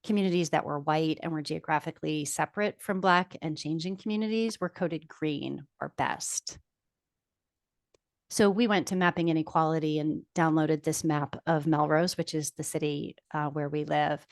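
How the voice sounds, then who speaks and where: A woman with a low voice gives an explanatory slide presentation online. The sound is dry, with very little room around it. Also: normal speed, vocal fry, dry recording. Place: online video call.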